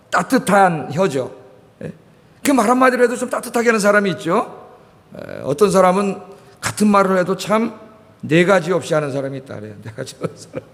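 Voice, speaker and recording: A middle-aged male pastor from Korea preaching a sermon, asking the congregation questions and repeating key words. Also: high-pitched. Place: church sanctuary. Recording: reverberant church hall.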